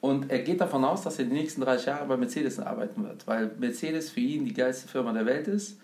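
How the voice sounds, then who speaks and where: A man's voice: mid-range voice, fairly quick, darkish tone. German man talking in an echoey room. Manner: thoughtful, frequent fillers, lecturing tone. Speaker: host. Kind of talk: conversational talk about investing.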